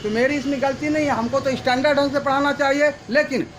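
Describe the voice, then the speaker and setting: A male teacher giving a Sanskrit grammar lesson, slowly repeating each form for students to copy. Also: extremely high pitch, steady tone, noisy background. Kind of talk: classroom lesson.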